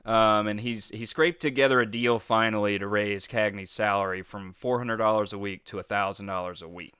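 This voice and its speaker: A man's voice: on the low side, fairly even intonation, normal speed, pushed and bright, clean tone, no echo, clean studio sound. A man co-hosting a casual film history podcast, rambling through stories with frequent fillers and laughs. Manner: rambling storyteller, laughs often, many fillers. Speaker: podcast co-host.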